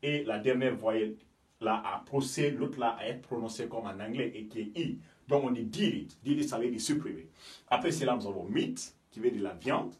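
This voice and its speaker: A man's voice: mid-range voice, a little mellow. A man from Guinea teaching English pronunciation, explaining word by word and often asking if the listener understands. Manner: explains slowly, checks understanding with "you understand me?"; switches between French and English. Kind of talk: pronunciation lesson.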